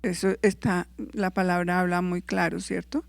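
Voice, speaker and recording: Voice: medium pitch, flat delivery, moderate pace, creaky, no room sound. Bible class teacher, dry close sound, reads verses out and asks "right?" a lot. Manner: reads scripture aloud and corrects its own verse references; checks in with listeners with short tag questions.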